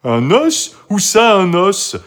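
Excitable guard dog, voiced by a man: high, loud, grumbly. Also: slow pace. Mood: eager. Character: fierce male guard dog, greedy and excitable.

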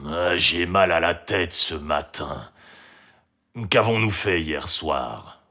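A man puts on a grumpy male monster from a storybook, gruff and threatening. The voice drops lower than his own and drags along slowly, with an odd, changed tone. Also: lively intonation, pushed and bright, full character voice. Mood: groggy.

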